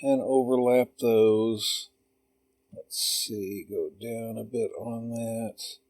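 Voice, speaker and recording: A man calmly talking through a drawing tutorial step by step, in an unhurried voice-over. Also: mid-range voice, dry recording. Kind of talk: slow screen-recorded tutorial.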